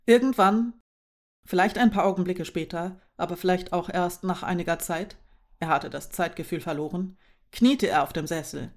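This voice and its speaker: Brief: calm female audiobook narrator, lowish voice, steady storytelling. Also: normal speed. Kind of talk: scripted narration.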